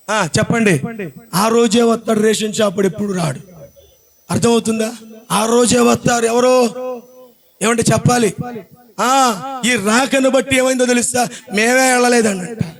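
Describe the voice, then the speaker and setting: A man preaching a sermon as pastor, full of rhetorical questions and repeated phrases that swell into shouted, sung-out climaxes. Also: high-pitched.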